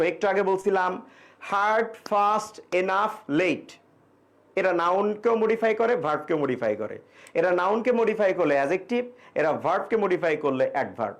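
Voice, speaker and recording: A young man teaching an English grammar class, explaining casually in Bengali with English examples and answering students' questions. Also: high-pitched. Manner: reads student questions aloud and answers them. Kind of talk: online exam-prep grammar class.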